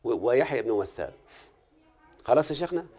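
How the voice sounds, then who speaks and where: Egyptian male teacher, brisk, keeps checking comprehension. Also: mid-range voice, lively intonation, warm tone. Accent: Egyptian Arabic. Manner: questioning, repeatedly checks the student understands. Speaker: Quran recitation teacher. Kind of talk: one-on-one grammar and recitation lesson.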